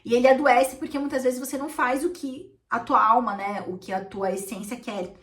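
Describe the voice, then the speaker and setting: A woman from with a fairly high voice, sharing a personal story as a therapist. She talks in a heartfelt, emotional, confessional way and keeps checking in with her listeners. Her voice sits a little far from the microphone. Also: steady tone, a little fast, fairly bright tone. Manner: heartfelt and emotional, frequent "né" tags.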